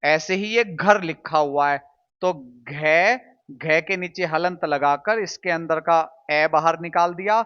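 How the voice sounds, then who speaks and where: A man's voice: a little high, slow, fairly bright tone, smooth, lo-fi sound. A man teaching a Hindi lesson to students, patiently drilling sounds aloud and answering his own questions. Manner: asks questions and answers them himself.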